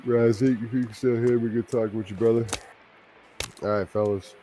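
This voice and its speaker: A man's voice: mid-range voice, fairly even intonation, brisk, mellow, slight background noise. A tired man chatting casually with his friends during a game session, yawning as he talks. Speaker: fellow player on a game stream. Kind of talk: casual gaming chat.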